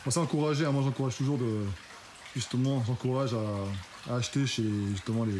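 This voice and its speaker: A man with a medium-pitched, fairly even voice interviews a farmer for a fitness channel at a brisk pace, chatty and encouraging as he thinks aloud. It's a casual interview, recorded against noisy ambient background sound.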